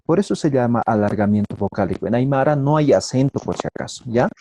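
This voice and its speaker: A man's voice: mid-range voice, lively intonation, fast, mellow, slight background noise. A man teaching an online language class, patiently modeling sounds syllable by syllable and checking in with students after nearly every phrase.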